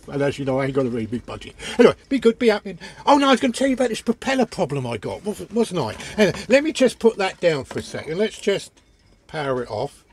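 Older guy rambling into his phone in a tiny boat cabin, bit high voiced, keeps stumbling on words, faint hiss. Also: sing-song, fast. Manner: rambling, chatty, stammers and repeats words. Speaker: sailing vlogger. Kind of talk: casual chat to camera. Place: small cluttered boat cabin. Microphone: phone camera at arm's length.

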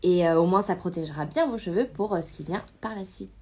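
A woman co-hosting a casual live stream, giving advice with many pauses and fillers. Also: lowish voice, darkish tone, husky. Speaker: co-host.

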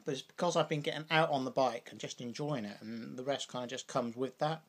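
Chatting over a meal for his vlog, a young British man talks briskly in a mid-range voice. He rambles, leaning heavily on "like" and "you know."

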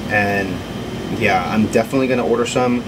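A man with a fairly low voice chats casually to the camera, pausing often as he finds his words. A steady, clearly audible hum sits behind him in a small workshop. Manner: hesitant, unscripted, pausing often. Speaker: video host, pipe maker. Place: small indoor cluttered workshop. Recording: steady background hum and noise.

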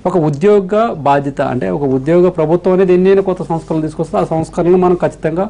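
A man's voice: sits high, steady tone, racing, dark tone. A man with a Telugu accent, a revenue employees' leader on a TV debate, arguing emphatically and repeating his key points.

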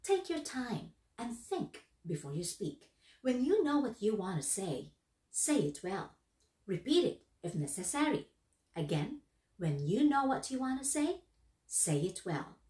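A woman giving instructional narration on workplace skills in a lively, emphatic, instructive way. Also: on the high side, measured pace. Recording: echoey room, voice from far off.

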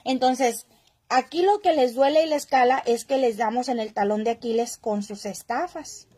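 A woman's voice: sits high, darkish tone. A woman, hosting a casual gossip livestream, chatting and greeting viewers by name as she reads their comments aloud.

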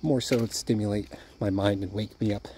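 A man's voice: lowish voice, little pitch movement, brisk, warm tone, slight background noise. A man talking through his thoughts in a casual vlog while out walking at night, a bit out of breath, rambling with restarts. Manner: rambling, thinking aloud with restarts. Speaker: YouTuber. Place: outdoors at night on a walk.

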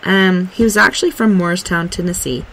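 On a low-quality recording, a woman from Arkansas, USA, rambles through casual on-air chat as a radio talk show host, dropping lots of "like" and "um." Her voice is lowish yet fairly bright, steady in tone and brisk.

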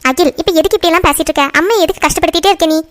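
A woman plays a comforting cartoon grandmother with a very high voice that rushes along quickly. Her mood is reassuring, and she steadies the family without scolding.

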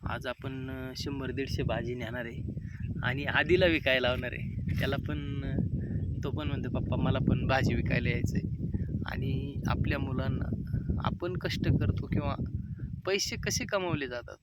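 Chatty farmer dad on a noisy outdoor vlog. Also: male voice, medium pitch, steady tone, moderate pace. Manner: coaxing and teasing his young son, loud market hawking calls. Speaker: vlogger and farmer, father. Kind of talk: casual vlog talk. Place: outdoors, fields and village market.

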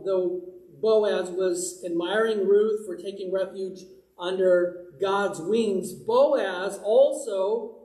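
Preacher, male, high voice, slow measured delivery, chatty sermon with small jokes, echoey sanctuary. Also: darkish tone. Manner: conversational, with light humorous asides. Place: church sanctuary. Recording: roomy church recording.

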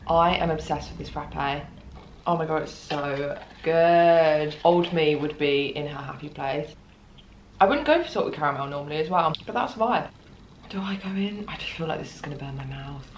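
A young woman chats away in a bubbly, giggly vlog voice, sitting a little low in pitch for a woman. Her voice bounces around an echoey home kitchen, with faint background hiss. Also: moderate pace. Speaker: food vlogger. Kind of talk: casual vlog chat. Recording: roomy echo.

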